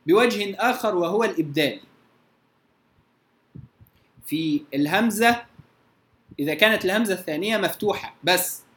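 A woman with an Egyptian Arabic accent teaching Quran recitation rules. She draws out her recited examples slowly and often checks whether her students follow. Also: mid-range voice, a bit bright. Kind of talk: tajweed lesson. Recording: roomy echo.

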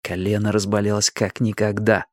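A man narrating a novel in an expressive, dramatic reading style. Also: fairly low pitch, moderate pace, no room sound, clean studio sound. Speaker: audiobook narrator. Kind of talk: scripted narration.

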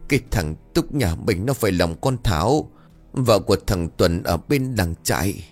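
A man's voice: deep voice, lively intonation, moderate pace, soft background music. A man voicing an anxious village wife and mother who speaks in a trembling, pleading way.

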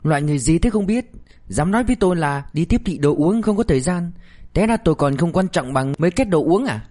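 A man voicing a proud, quick-tempered young woman officer in an audiobook story, speaking with raised indignation. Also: a little high, animated, darkish tone, pitched above the performer's own voice. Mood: indignant.

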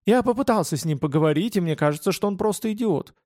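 A man voicing a sharp-tongued young male bodyguard who mocks and threatens in a higher voice than his narration. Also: expressive, fast, no room sound, studio quality. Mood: mocking. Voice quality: mocking, cutting.

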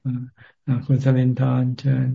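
A man, a Buddhist monk teacher, answers followers on a video call in a calm, measured and gently encouraging way. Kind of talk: answering questions in a video-call dharma talk. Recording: tinny phone-like call audio.

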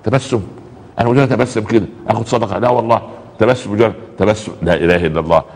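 A man's voice: lowish voice, rapid-fire, a little mellow, slightly rough, long reverb tail. A man with an Egyptian Arabic accent giving a conversational religious talk, often breaking into pious exclamations and acting out little everyday dialogues. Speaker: preacher.

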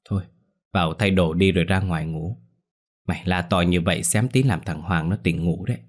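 A man voicing an older mother in a spoken ghost story, scolding her grown daughter and then calming her. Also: sits low, fairly quick. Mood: soothing. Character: stern but caring older mother.

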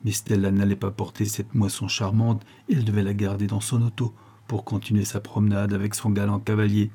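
A man reading the part of a calm, ironic police inspector who speaks in a measured, gently persuasive way. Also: fairly low pitch, natural voice. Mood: reassuring.

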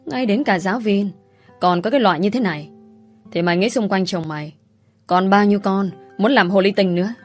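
A woman's voice: medium pitch, brisk, soft background music, close to an everyday voice. A woman voicing a brash, bad-tempered female friend who scolds sharply. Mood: bitter.

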